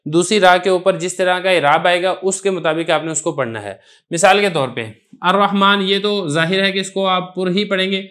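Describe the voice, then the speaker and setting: A man teaching a recorded lesson on recitation rules, explaining patiently step by step and repeating each example slowly. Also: high-pitched, fairly bright tone.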